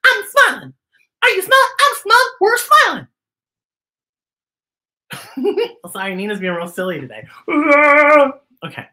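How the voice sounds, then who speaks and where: In a living room, a middle-aged man reads a story to small children with theatrical, playful flair, talking straight to them with chatty asides. His bright, forward, very high voice swoops wildly in pitch, and he goes slowly with long pauses and exaggerated phrasing.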